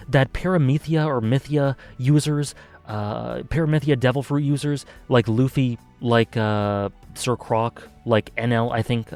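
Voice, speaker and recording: A man's voice: medium pitch, darkish tone. A man casually reviewing an anime arc, thinking aloud with many fillers and self-corrections.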